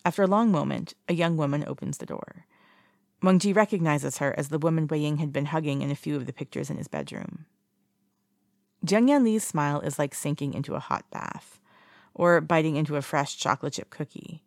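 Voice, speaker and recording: Brief: an audiobook narrator with a gravelly edge, reading casually, dry close recording. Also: medium pitch, a little fast, dry recording. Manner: casual reading with small slips and self-corrections. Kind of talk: fan fiction audiobook reading.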